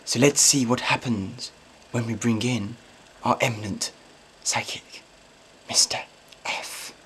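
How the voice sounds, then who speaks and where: A man playing an earnest, overeager ghost-hunt TV presenter in a mock documentary, talking in hushed, solemn tones. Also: mid-range voice, steady tone, takes it slowly, slight background noise, low-quality recording. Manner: solemn hushed narration turning to eager questions.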